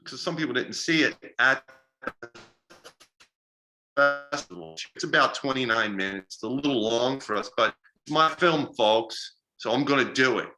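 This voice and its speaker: A man's voice: mid-range voice, moderate pace. A middle-aged man, a filmmaker and festival organizer, telling stories in a casual interview, self-deprecating and acting out quoted conversations. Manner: animated, self-deprecating, acts out quoted dialogue.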